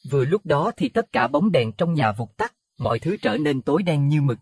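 A man narrating a Buddhist horror audio story in an expressive, dramatic way. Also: fairly high pitch, normal speed, gravelly, breathy edge, no room sound. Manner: expressive, rising to alarm at scary moments.

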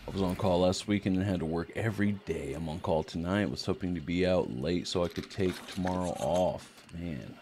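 A man chatting casually while streaming a game with friends, relaxed and quick to laugh. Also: low-pitched, slight background noise. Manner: relaxed, laughs often, swears. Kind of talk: casual gaming chat.

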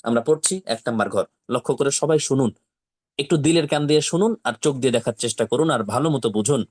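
A man teaching Quran pronunciation in Bengali, with slow, patient drills that repeat each syllable. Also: mid-range voice, darkish tone. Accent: Bangladeshi Bengali. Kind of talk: step-by-step pronunciation lesson.

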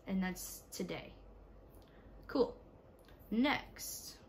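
A young woman with a raspy, stuffy voice from allergies, chatting casually to viewers in a home vlog, tired. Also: mid-range voice, expressive, extremely slow, slight background noise. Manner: chatty, talks to viewers while ordering online. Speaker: vlogger, mother. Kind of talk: casual day-in-the-life vlog. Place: home, indoors.

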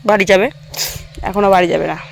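A woman's voice: mid-range voice, fairly even intonation, fast, gravelly. A young woman chatting casually to her viewers in a home vlog while she cooks in a small kitchen. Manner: chatty, talks straight to viewers while cooking. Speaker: vlogger.

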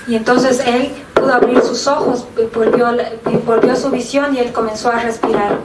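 A woman interpreting a sermon phrase by phrase in a steady voice, recorded from afar in an echoey room with background noise. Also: on the high side, normal speed, recorded from a distance. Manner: even, steady delivery with small restarts.

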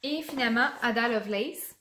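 A woman's voice: on the high side, fairly quick, bright, forceful tone, a little hiss or hum. Québécois woman teacher, young, chatty enthusiastic book vlog, roomy echoey sound. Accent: Québécois French. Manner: chatty and enthusiastic, stumbles on names. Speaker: teacher reviewing children's books. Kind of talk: casual book review vlog. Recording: roomy echo.

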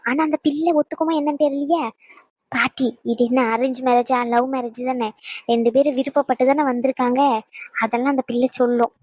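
Woman doing a bossy young woman in a cartoon, firm, high pitched, dry sound. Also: steady tone, brisk, a little mellow, no echo. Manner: firm, commanding.

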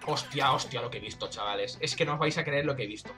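A man's voice: medium pitch, fast talker, music in the background. A man with a Spain Spanish accent giving casual, jokey, exclamatory commentary while playing a video game. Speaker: let's play gamer.

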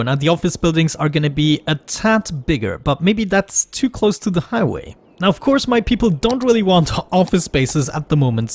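A man's voice: a little high, slight background noise. A man in his thirties giving casual game commentary as host, talking with a swollen, sore mouth. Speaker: host of a gaming series. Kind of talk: casual let's play commentary.

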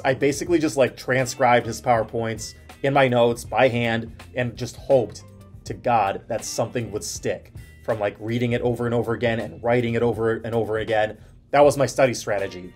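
A man in his thirties gives students casual study tips, telling stories in an animated way full of "like" fillers. His voice sits at a middle pitch, and soft guitar music plays quietly behind him. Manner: animated storytelling with frequent "like" fillers. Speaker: physician assistant giving study advice. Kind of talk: casual advice to camera.

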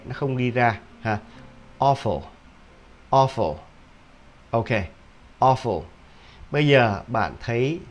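A man teaching English pronunciation, repeating each word several times and often stopping to check with a quick question. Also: medium pitch, highs cut off. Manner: drills words by repetition, with frequent rhetorical "hả?" checks. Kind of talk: video pronunciation lesson.

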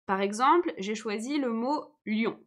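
Young female teacher, live online lesson, patient and reassuring, a touch high-pitched. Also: unhurried. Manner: patient, checks in often with viewers.

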